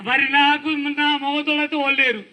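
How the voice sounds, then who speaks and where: Folk-tale role: a shrill, quick-talking village woman who scolds and complains, played by a male performer. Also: little pitch movement, pushed and bright, full character voice, rough recording. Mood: complaining.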